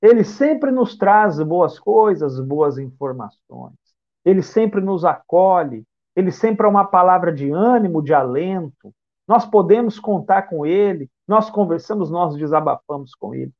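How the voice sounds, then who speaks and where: A man's voice: high-pitched, lively intonation, a little slow, highs cut off. Brazilian man giving a reflective talk. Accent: Brazilian Portuguese. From São Paulo state, Brazil. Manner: reflective, rhetorical questions. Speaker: spiritist speaker. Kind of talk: lecture.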